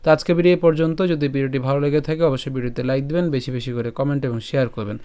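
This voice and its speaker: A man teaching Sanskrit verse pronunciation in an online lesson, chanting each line slowly and drawn out, then explaining the sounds step by step. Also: mid-range voice, fairly even intonation, darkish tone, clean tone.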